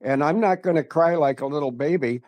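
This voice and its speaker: A man's voice: on the high side, a little fast, a little mellow. Older man in his 70s, show regular, blunt and rambling, casual talk-show chat. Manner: blunt, rambling, tangent-prone. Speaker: regular commentator.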